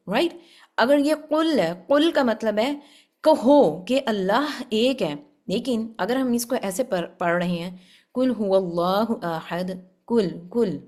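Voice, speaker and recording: Woman w/ teaching tajweed, higher voice, patient, keeps asking "right?". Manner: explains patiently, often checks with "right?". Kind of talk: religious lesson.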